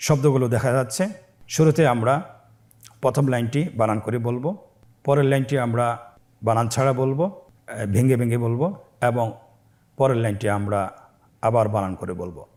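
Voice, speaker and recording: A man teaching Quran reading, spelling out letters and syllables slowly for listeners to repeat after him, stretching each joined word. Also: mid-range voice, darkish tone. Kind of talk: slow recitation lesson with call-and-repeat drills.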